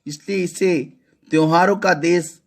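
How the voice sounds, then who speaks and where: A man's voice: high voice, fairly even intonation, gravelly. A male primary school teacher explaining a poem line by line, correcting himself as he goes. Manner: reads poem lines slowly and melodiously, then explains in plain words.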